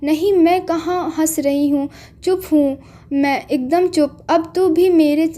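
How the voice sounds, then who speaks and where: Calm caring older sister in a story, read by a woman, mellow voice. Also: high-pitched, slow. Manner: soothing, gentle.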